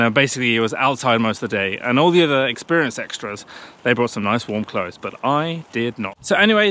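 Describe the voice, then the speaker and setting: With a medium-pitched, somewhat bright voice, a man in his thirties vlogs casually into a pushchair-mounted camera while walking a country path. He's chatty and pokes fun at himself, breathless from pushing uphill.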